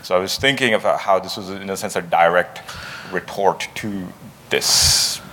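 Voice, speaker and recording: A man interviewing a guest before an audience, hesitant and halting as he carefully builds long questions. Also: low-pitched, bright, forceful tone, a little hiss or hum. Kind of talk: conversational discussion before an audience.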